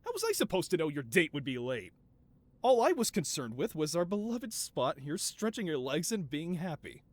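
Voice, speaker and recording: Sounding defensive and coaxing, a man voices a doting, flamboyant mad-scientist supervillain boss in a scripted audio roleplay. His pitch is fairly high with big swings, his pace moderate, and he plays it theatrical, wheedling, and full of self-justification.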